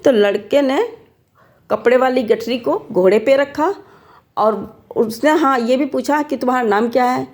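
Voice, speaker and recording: A woman's voice: high voice, slow pace, a little mellow. Woman telling a folk tale to kids. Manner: asks listeners questions as she tells. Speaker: storyteller. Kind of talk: oral folk tale told to children.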